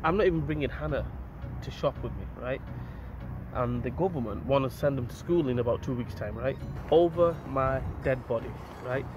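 A man, vlogging casually to a handheld camera in his car, outdoors and in shops, chatty and excitable. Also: mid-range voice, normal speed, lo-fi sound, noisy background. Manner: chatty, excitable, says "right?" and "let's go" often. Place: car, outdoors in town and by a river, shop. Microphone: phone or action camera held at arm's length.

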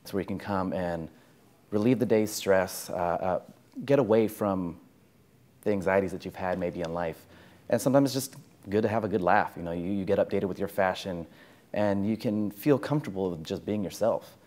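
Man, very low pitch, earnest, reflective, interview in a barbershop. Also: moderate pace, darkish tone. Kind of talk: documentary interview.

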